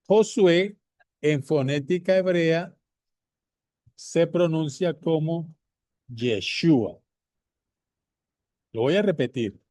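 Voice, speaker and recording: Male Bible teacher, unhurried and repetitive, dark mellow tone, dry close sound. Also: a little high, no echo. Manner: repeats points slowly, addresses viewers directly. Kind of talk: slow deliberate bible teaching.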